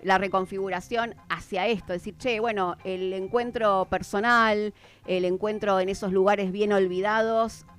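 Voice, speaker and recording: A woman's voice: medium pitch, fairly even intonation, moderate pace, smooth. Reflective woman radio host. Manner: agreeable, reflective, frequent affirmations. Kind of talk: casual radio interview.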